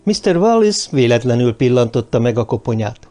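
Guy reading a story, warm dark tone, voice goes up and down a lot. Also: medium pitch, faint music behind. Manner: expressive storytelling. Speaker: audiobook narrator. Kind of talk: scripted narration.

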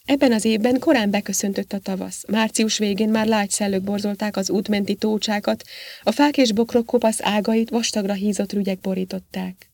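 A woman reads a novel aloud in a steady, even narration. Her pitch sits in the middle, and the recording is close and dry with no room sound. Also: no room sound. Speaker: audiobook narrator. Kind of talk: scripted narration.

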